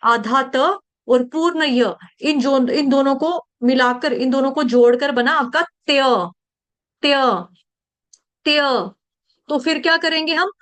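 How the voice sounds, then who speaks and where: A woman, teaching a class to recite verses, breaking words into syllables and quizzing her students. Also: sits high. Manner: slow syllable-by-syllable drilling with quick asides to students.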